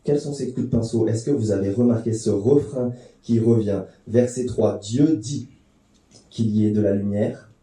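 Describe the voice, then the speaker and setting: A man's voice: on the low side, moderate pace, warm tone, very echoey, far from the mic. A man preaching a sermon to a congregation, explaining the text conversationally with fillers and restarts. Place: church hall.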